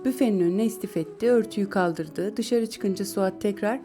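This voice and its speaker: A woman narrating a classic story in a calm, measured reading voice. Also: mid-range voice, faint music behind.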